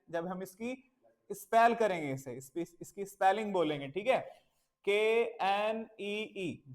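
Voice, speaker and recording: Teaching English to children, this man speaks in a high voice, blending Hindi with simple English phrases. He patiently says words again and spells them out one letter at a time.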